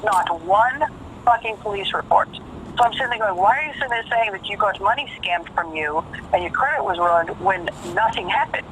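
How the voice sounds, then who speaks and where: A woman's voice: mid-range voice, animated, moderate pace, fairly bright tone, a little hiss or hum. A woman talking casually on a phone call, emphatic and profane, repeating phrases for stress. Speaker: caller.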